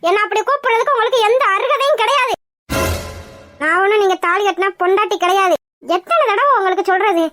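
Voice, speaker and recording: A woman's voice: very high-pitched, fast, bright, forceful tone, no room sound, faint music behind. A woman voicing a stubborn young woman in a cartoon, scolding and insistent as she pushes away her suitor. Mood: angry. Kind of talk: cartoon voice acting.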